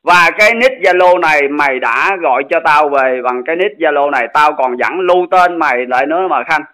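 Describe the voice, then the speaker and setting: A man confronts the other side of a phone call and keeps pressing for an answer. His voice is bright and forceful, pitched a little high, and he talks fast. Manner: insistent, demanding, confrontational. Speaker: channel host in a dispute. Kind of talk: heated phone argument.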